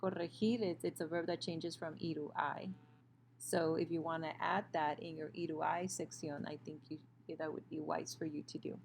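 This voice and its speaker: A Spanish grammar lesson is recorded over a screen share by a woman with a low, gravelly, darkish voice, speaking at a moderate pace in a level tone. She explains patiently, using fillers and correcting herself, and the computer mic picks up a little hiss or hum.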